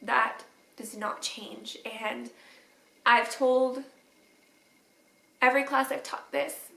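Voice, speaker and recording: Tearful, slow-talking woman teacher. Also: sits high, fairly even intonation, gravelly, sharp tone, echoey room, poor audio. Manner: tender, halting, with teary laughs. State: crying, sniffly. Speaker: third grade teacher. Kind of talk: tearful video message to students.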